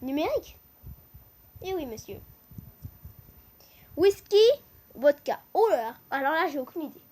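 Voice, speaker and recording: A woman hosting a gaming channel, reading would-you-rather choices aloud in a casual way and breaking into excited shouts, with a teasing catchphrase she keeps repeating. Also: sits high, measured pace.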